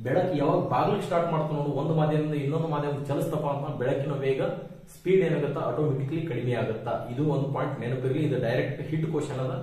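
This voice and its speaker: A man's voice: fairly high pitch, steady tone, fast talker, warm tone. Man, exam-coaching teacher, emphatic, repetitive, very echoey room. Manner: emphatic, repeats key terms and asks rhetorical questions. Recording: very echoey room, mic at a distance.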